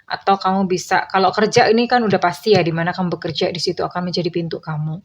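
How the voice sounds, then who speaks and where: A woman's voice: fairly low pitch, steady tone, quick pace, lo-fi sound. A woman tarot reader speaking casually to her viewers, chatty and meandering, with many fillers.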